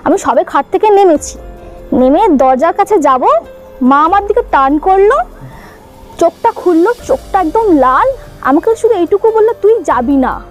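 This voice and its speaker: A woman's voice: very high-pitched, expressive, normal speed, faint music behind. A young woman recounting a childhood ghost experience in a casual, hesitant way, with many fillers and restarts. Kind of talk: casual spoken true ghost story.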